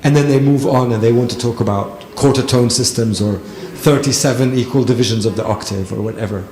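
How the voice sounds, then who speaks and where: A lecturer on a panel fields an audience question in an event hall, sounding thoughtful but dotting his answer with ums and restarts. His medium-pitched voice is a little mellow and a little fast. The hall echoes, with faint noise underneath.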